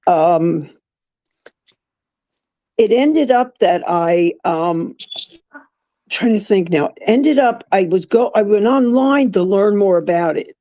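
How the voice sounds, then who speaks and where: A guest in a casual live-stream chat who talks slowly and searches for words. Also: medium pitch, expressive, no echo, lo-fi sound. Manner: slow, thoughtful, searching for words.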